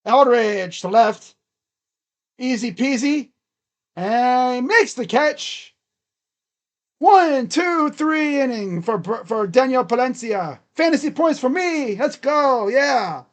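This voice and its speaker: A live-stream baseball commentator does casual play-by-play with a naturally booming, loud voice. Relaxed and chatty, he fills the pauses between pitches with talk and idle humming as he reacts to the game.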